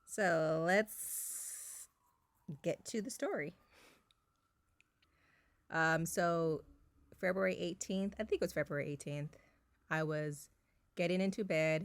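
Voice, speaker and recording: Woman in her 30s, vlogger; low, creaky voice, chatty with fillers and laughs, dry close sound. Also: takes it slowly, long pauses, no echo. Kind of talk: casual personal storytelling. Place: bedroom at home.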